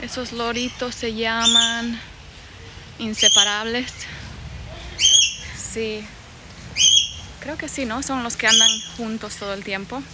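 A woman's voice: on the high side, fairly even intonation, slow, long pauses. A woman in her thirties from Bolivia, chatting casually on a live stream while walking through a garden and greeting viewers with a phone at arm's length. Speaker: vlogger hosting a live stream. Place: outdoor garden with birds. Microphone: phone held at arm's length. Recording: noisy outdoor phone recording. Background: birds and outdoor ambience.

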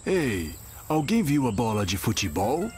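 A man's voice: medium pitch, big pitch swings, unhurried, background noise. An actor playing a kindly, encouraging old grandfather in a children's cartoon. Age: older. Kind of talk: cartoon dub.

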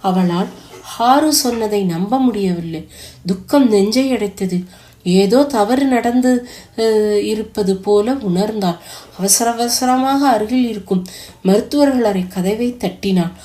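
A woman reading a romance novel aloud as an audiobook, in steady storytelling narration. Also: mid-range voice, a little slow.

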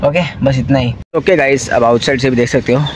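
This casual vlog shows a young man talking to his phone camera from a parked small car by day, the phone held at arm's length. His mid-range voice is brisk with fairly even intonation, full of fillers and repeats as he rambles, over noisy in-car audio.

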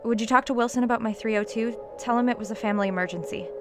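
A woman's voice: fairly high pitch, steady tone, racing, music in the background, lightly acted. An actress playing a young college woman who talks in a dry, teasing way. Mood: urgent. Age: young adult. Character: young college woman, wry and then alarmed. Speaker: college student.

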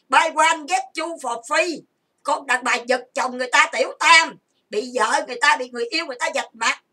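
Lying down at home, a woman online streamer launches into an angry rant, cursing, insulting and hurling accusations. Her voice sits high and sounds pushed, bright and husky, picked up by a distant mic.

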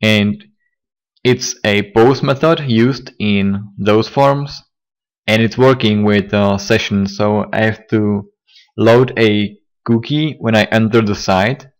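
A man teaching a coding tutorial, a little hoarse and talking haltingly with fillers and restarts. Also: lowish voice. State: slightly hoarse, losing his voice. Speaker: programming tutor. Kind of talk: screen-recorded coding tutorial.

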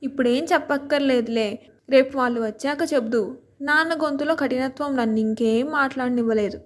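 A woman reading a story aloud in the first person, lively and expressive. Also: high voice, fairly quick.

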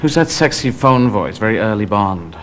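Smug heist crook in a film. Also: male voice, fairly low pitch, sing-song, moderate pace. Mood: wry. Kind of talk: film dialogue. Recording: film soundtrack with music.

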